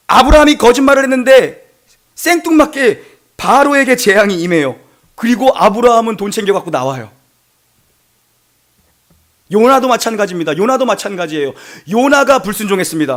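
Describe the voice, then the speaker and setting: A middle-aged male pastor giving a Sunday sermon, telling stories conversationally and swinging from loud emphasis to hushed asides. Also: high-pitched. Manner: conversational storytelling, voices quoted people.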